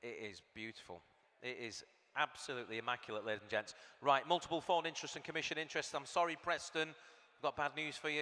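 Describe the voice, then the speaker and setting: A man's voice: fairly high pitch, sharp tone. A man working as an auctioneer at a live sale, rattling off prices and bids with chatty asides to the bidders. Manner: chatty asides to bidders between bid calls. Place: large auction hall. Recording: hall reverb from PA.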